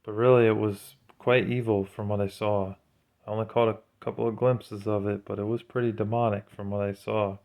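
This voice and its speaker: A man acting as a religious vlogger delivers an informal, sermon-like monologue of religious commentary, earnest and admonishing. His voice is on the low side, creaky and darkish, with a level tone and a brisk pace.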